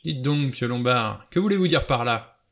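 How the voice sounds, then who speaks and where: A man's voice: mid-range voice, animated, normal speed, gravelly, fairly bright tone. A man voicing Blore, a blunt and defensive former policeman, in an audiobook reading. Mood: indignant.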